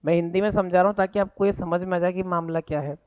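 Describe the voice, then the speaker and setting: Indian-accented male teacher, classroom lecture, smooth voice, slightly dull lo-fi sound, quizzing students. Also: high voice, fairly even intonation, fast talker. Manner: drills students with repeated questions; mixes Hindi and English. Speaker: English teacher.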